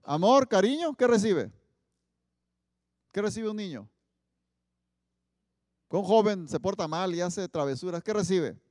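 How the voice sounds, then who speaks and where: A man preaching a sermon, often asking the audience questions and stressing Bible quotes loudly. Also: sits high, expressive, a little slow, long pauses, studio quality. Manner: asks the audience many questions, loud emphatic Bible quotes. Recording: long hall reverb.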